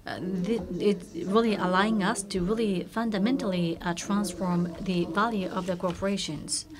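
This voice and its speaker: Working consecutively, a woman interprets a keynote in a steady, mid-range voice against crowd noise. Her delivery is halting, full of fillers, frequent hesitations and restarts.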